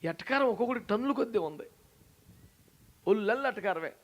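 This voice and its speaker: A man preaching a sermon. He talks in a lively, teasing way and often acts out the people in his story. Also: sits high, brisk. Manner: animated, teasing, acts out quoted voices. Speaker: pastor.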